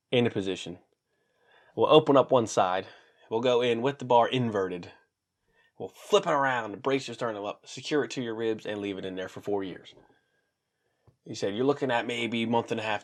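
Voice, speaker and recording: A man in his thirties tells a personal story straight to camera in a relaxed, casual vlog style. His voice sits on the low side, but he turns animated, jumping up in pitch whenever he acts out what people said. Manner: animated, acts out quotes with big pitch jumps. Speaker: vlogger.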